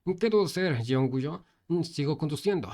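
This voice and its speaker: A man voicing a nervous middle-aged man on a bike, with a higher, strained, half-shouted voice. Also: expressive, normal speed, vocal fry. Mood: alarmed.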